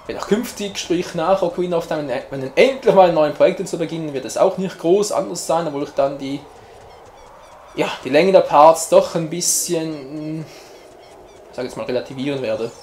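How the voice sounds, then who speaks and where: A man's voice: on the high side, normal speed, darkish tone, reverberant, a little hiss or hum. A man giving casual, jokey gameplay commentary as a let's player, chatting to his viewers.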